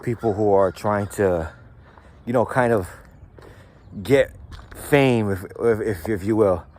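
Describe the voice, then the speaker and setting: Slangy man talking casually. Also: fairly low pitch. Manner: slangy and profane, lots of "like" and "right?". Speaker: host. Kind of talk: casual storytelling monologue.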